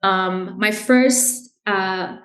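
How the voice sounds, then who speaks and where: A woman's voice: mid-range voice, extremely slow, fairly bright tone. Roomy-sounding woman from Haiti, earnest. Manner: earnest, explains with "right?" and "you know". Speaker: guest, brand director. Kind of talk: casual interview conversation.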